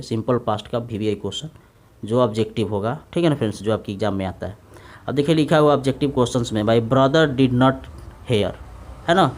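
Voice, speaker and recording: A man teaching English translation to exam students in Hindi, dictating sentences slowly and often asking "right, friends?". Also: medium pitch, a little mellow. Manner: repeats tag questions to students. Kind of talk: Hindi-English grammar lesson.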